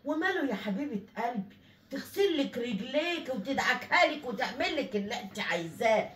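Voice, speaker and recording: A woman's voice: on the high side, big pitch swings, brisk, fairly bright tone, distant mic. A woman playing a scornful Egyptian mother-in-law. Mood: doting. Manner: bossy, belittling. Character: harsh scolding Egyptian mother-in-law, middle-aged. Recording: echoey room with music behind.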